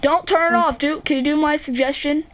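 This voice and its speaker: A woman's voice: high voice, fairly even intonation, fairly quick, muffled recording, a loud crowd. A teenage girl hosting a gaming channel, telling a story in a rambling, casual way full of "like", restarts and swearing.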